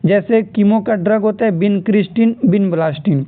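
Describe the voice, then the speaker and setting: A man's voice: high voice, slow pace. Man, nursing exam tutor, lecture style, repeats key terms, thin phone-line audio. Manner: repeats key terms, tells students to remember.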